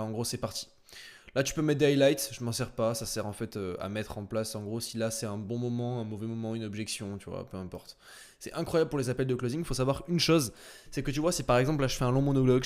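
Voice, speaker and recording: A man demoting nothing but walking through software in a casual, rapid screen-share tutorial, full of fillers and little sound words. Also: medium pitch. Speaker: sales coach.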